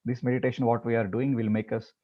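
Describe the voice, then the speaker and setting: A man explains ideas to his meditation group before guiding them into practice. He speaks haltingly, repeating words and filling pauses, at an ordinary middle pitch. The recording sounds a little dull and lo-fi. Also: flat delivery. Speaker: meditation teacher. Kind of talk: talk before guided meditation.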